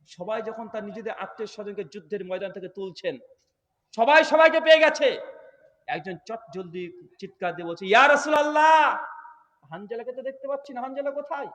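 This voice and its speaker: High-pitched man preaching in echoing hall. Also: expressive, brisk. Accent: Bengali. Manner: swings from quiet to loud shouting, acts out dialogue. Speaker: Islamic preacher. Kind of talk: sermon with dramatic storytelling. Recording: long hall reverb.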